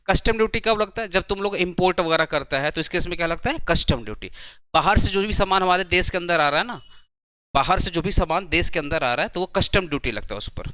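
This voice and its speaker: A man teaching a commerce tax class at a coaching centre, chatty and speaking slowly, often repeating his questions to the students. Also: high voice, sharp tone, dry recording. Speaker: commerce tutor. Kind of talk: classroom lecture.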